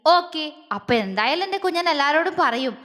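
A woman voicing a teasing, tender young man who coaxes softly, with a long echo on the recording. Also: high voice, lively intonation, a little fast. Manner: teasing, soft and coaxing. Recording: long reverb.

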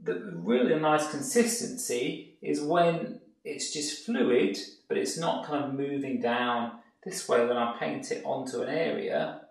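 A man, an art tutor, explaining painting steps in a relaxed way as he works. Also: medium pitch, a little slow, creaky, distant mic. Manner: relaxed, explanatory, thinking aloud while painting. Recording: very echoey room, off-mic.

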